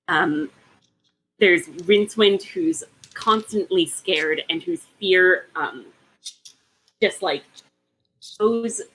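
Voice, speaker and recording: A woman with a lowish voice makes her case in a relaxed book chat. She thinks aloud, stacking clauses and pausing on ums. A faint hiss sits behind her. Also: poor audio. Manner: analytical, argues at length with many ums. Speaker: podcast co-host. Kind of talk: casual book discussion.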